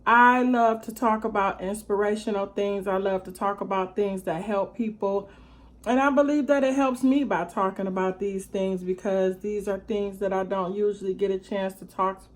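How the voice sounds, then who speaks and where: A woman hosting her eating vlog, chatting casually and greeting viewers with drawn-out excitement, with hushed whispered asides between bites. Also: medium pitch. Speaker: mukbang channel host.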